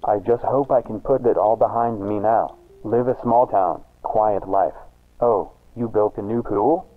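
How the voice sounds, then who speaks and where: A man voicing a haunted, weary woman survivor in a deep voice, with a flat, resigned delivery. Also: unhurried, natural voice. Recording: tinny lo-fi tape with music.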